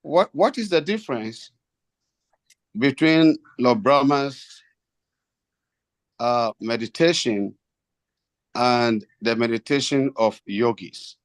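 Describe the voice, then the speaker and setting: A man asking a formal, reverent question as a devotee, deliberately, phrase by phrase. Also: mid-range voice, animated, no room sound.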